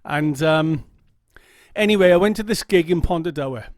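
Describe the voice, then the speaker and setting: Speaking into a camera mic, this middle-aged man from Wales shares a personal story in an earnest, candid way, frequently asking "okay?". He has a Welsh accent and a slightly high voice at a moderate pace, and the recording is dry and studio quality.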